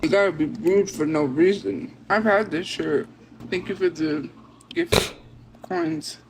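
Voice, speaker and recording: A woman's voice: lowish voice, measured pace, slight background noise. A woman streamer chatting casually with her viewers and reacting to their comments. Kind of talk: casual livestream chat.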